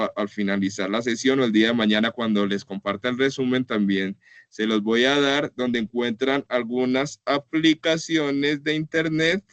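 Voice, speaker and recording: A man's voice: medium pitch, fairly bright tone, clear, resonant tone, dry recording. Patient male online teacher. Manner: patient, explanatory, repeats "entonces" and "por ejemplo". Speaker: online class instructor. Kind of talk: online lecture explaining slides.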